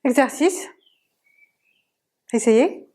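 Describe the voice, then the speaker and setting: Slow, patient woman teaching pronunciation. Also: high voice, expressive, dark tone. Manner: patient, drills sounds slowly and repeats examples. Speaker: language teacher. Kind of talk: pronunciation lesson.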